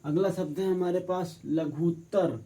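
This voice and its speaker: A man teaching correct spelling for exam preparation, slowly spelling each word out. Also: high voice, fairly even intonation, dark tone. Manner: slow, drawn-out word by word correction. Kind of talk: spelling lesson for exam prep.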